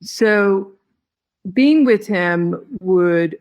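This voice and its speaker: A woman who heads a tea company, giving slow, reflective interview answers with her phrases broken by pauses. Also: mid-range voice, lo-fi sound. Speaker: tea company head, podcast guest.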